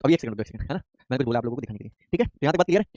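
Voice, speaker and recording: A man teaching a chemistry class online, talking fast and repeating key words while constantly quizzing his students. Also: mid-range voice, expressive, a little mellow, dry recording, studio quality. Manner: rapid, repetitive, quizzing students with call-and-response questions. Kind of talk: live online class lecture.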